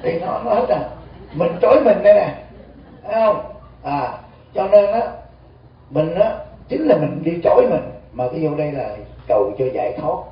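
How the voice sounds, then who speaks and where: A man preaches as a Buddhist monk, telling stories and checking in with his listeners. His voice sits a little high. The recording is dull and distant, caught from across an echoing community hall. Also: lively intonation, normal speed. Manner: storytelling, asks the audience questions. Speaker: Buddhist monk giving a dharma talk. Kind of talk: sermon.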